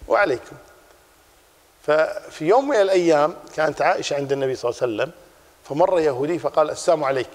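Guy teaching a religion class, talks fast, keeps repeating points, long hall echo. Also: a little high. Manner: lively, repeats key points. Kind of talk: explaining a text in a class.

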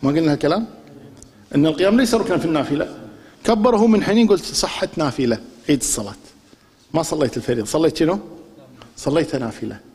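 A man's voice: a little high, animated, quick pace, pauses often, darkish tone. A man with a Kuwaiti accent giving a religious lesson, quizzing his listeners with rhetorical questions and demonstrating pronunciations aloud. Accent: Kuwaiti Arabic. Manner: poses rhetorical questions and drills answers with the class. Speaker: religious teacher. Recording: long reverb of a large hall.

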